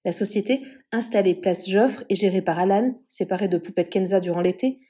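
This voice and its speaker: A woman with a medium-pitched voice reads a celebrity news article as a scripted voice-over, keeping her delivery even throughout.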